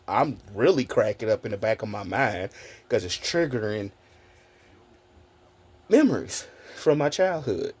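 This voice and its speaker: A man in his forties with a husky, slightly raspy voice tells stories casually to his viewers. His pitch swings up and down constantly as he talks. He laughs often and swears freely. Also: a little mellow. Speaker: content creator. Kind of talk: casual storytelling vlog.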